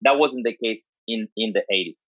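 A man's voice: on the low side, moderate pace, a bit bright, no echo, lo-fi sound. A man with an Angolan accent gives an informal, conversational explanation, stressing points by repeating and listing. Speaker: dance culture speaker.

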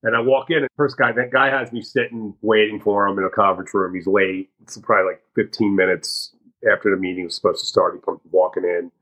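A man from the US Northeast tells stories from his sales career as a podcast guest. His voice sits on the low side, and his delivery is frank and conversational. He slips into his own quoted lines as he goes. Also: steady tone, quick pace, a bit bright, low-quality recording. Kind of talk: casual podcast storytelling.

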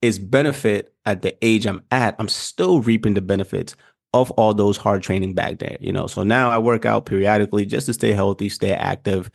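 A young man from Ghana co-hosts a podcast, chatting casually in an earnest, reflective, loosely structured way. His lowish voice is creaky, and the studio-quality recording has no room sound.

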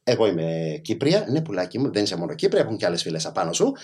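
A man's voice: on the low side, breathy edge. A middle-aged man with a mainland Greek accent, telling stories casually and emphatically as a podcast guest. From Greece. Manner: animated, emphatic, acts out quoted speech. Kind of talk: casual conversational storytelling.

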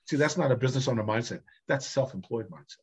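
A man's voice: mid-range voice, lively intonation, fast, a little mellow, breathy edge. A man speaking as a podcast guest, talking emphatically and animatedly about his business experience. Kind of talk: conversational podcast interview.

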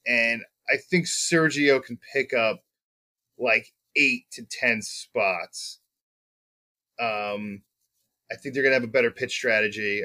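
A man's voice: mid-range voice, bright, forceful tone. A man co-hosting a podcast, chatting casually about racing bets, rambling and joking with lots of ums. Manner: rambling, jokey, many ums. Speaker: podcast co-host.

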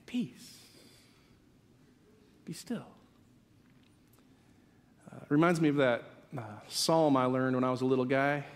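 A man preaching a sermon, telling the story dramatically, dropping to hushed whispers and rising to urgent calls. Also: mid-range voice. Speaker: pastor. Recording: long hall reverb.

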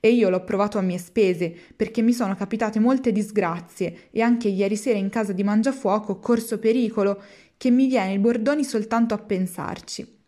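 A woman's voice: medium pitch, moderate pace, dark tone, lightly acted. A woman reading as a remorseful wooden puppet boy. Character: naughty young wooden puppet boy, wistful. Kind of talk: storybook reading.

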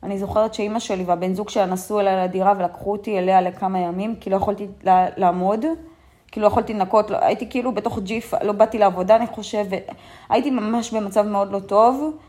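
Young woman, medium pitch, first-person testimony, soft-spoken, halting, lots of fillers and restarts. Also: fairly even intonation. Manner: soft and subdued, often trailing off. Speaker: guest sharing a personal story.

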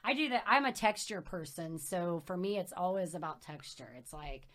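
A woman's voice: on the low side, expressive, moderate pace, fairly bright tone. A woman hosting a podcast interview, bubbly and enthusiastic, laughing often. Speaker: podcast host. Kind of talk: casual interview chat.

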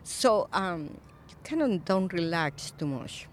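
A Colombian-born woman in her fifties, an Episcopal priest, speaking thoughtfully in a recorded interview, with frequent pauses and fillers. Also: on the low side, expressive, a little hiss or hum. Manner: reflective, soft-spoken with frequent pauses and fillers.

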